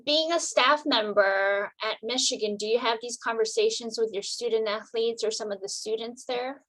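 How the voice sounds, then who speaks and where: Woman, interviewer, fairly high voice, measured questions. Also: a bit bright, poor audio.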